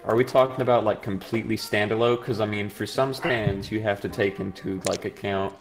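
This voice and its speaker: Low-voiced young man, relaxed and hesitant. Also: a little fast, over music. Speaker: podcast guest. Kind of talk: casual gaming podcast chat.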